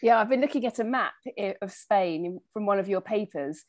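A woman interviewing a doctor, chatty and self-deprecating, asking questions in a lively, friendly way. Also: mid-range voice, brisk, dry recording, clean studio sound. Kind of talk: video call interview.

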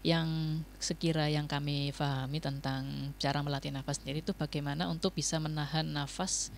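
Young man, student guest, radio interview, measured, hesitant fillers. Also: a little high, little pitch movement, vocal fry, slight background noise. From Indonesia. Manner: measured explanations with frequent fillers. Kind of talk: radio talk show interview.

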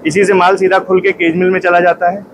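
A man in his thirties from India, giving a phone-filmed factory tour and then a sales pitch to viewers from a small office, speaking in a direct, persuasive way. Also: little pitch movement, fast, background noise. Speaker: detergent company owner and trainer. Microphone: phone at arm's length.

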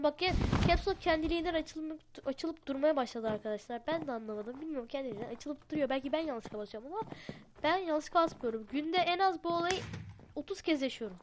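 A woman talks her way through a game at home, chatty and excitable, with frequent laughs. Her voice sits a little high. The headset recording carries a clear layer of background noise. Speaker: gaming channel host. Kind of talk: casual gameplay commentary. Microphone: headset mic.

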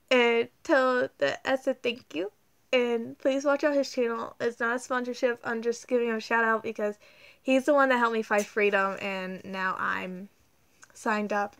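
Chatty girl rambling on camera. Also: a little high. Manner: rambling, excitable, many ums and likes. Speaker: vlogger. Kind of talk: casual chat to camera. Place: indoors at home, dim room. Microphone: tablet camera held close.

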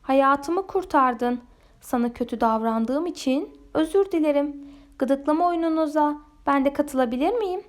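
A woman's voice: high-pitched, unhurried. Puf Puf, a woman voicing a little pufferfish. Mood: grateful. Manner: soft, apologetic. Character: small shy pufferfish, apologetic.

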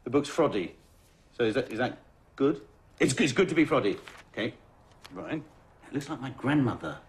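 A man with a sarcastic, exasperated way of talking, his pitch jumping all over the place. There is noticeable noise behind his voice. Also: sing-song, normal speed. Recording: noisy background.

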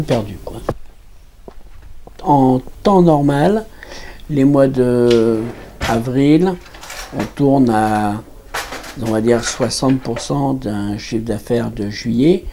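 A man in his sixties from France, a campsite manager giving an interview in a small office, speaking haltingly with many restarts and fillers. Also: medium pitch, creaky, mellow, slight background noise.

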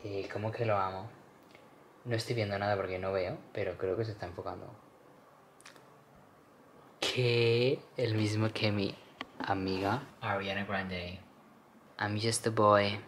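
A man's voice: lowish voice, steady tone, a little slow, pauses often, fairly bright tone, a little hiss or hum. A young man, vlogging casually to camera, chatty and self-mocking, dropping in English phrases. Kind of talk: casual vlog chat to camera. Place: at home. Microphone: compact camera mic.

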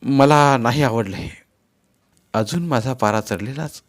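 A man's voice: mid-range voice, unhurried, natural voice. A male narrator voicing a proud husband who bristles with anger and snaps back sharply. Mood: angry. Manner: angry, sharp outbursts. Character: proud husband, hot-tempered and offended.

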